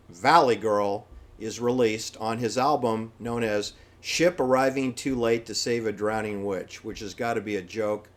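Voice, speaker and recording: An American man holds forth solo in an unscripted commentary. He speaks in a medium-pitched voice, stating opinions flatly and dismissively, and often repeats a phrase to drive it in. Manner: emphatic, repeats phrases for stress; dismissive, blunt assertions. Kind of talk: opinionated off-the-cuff monologue.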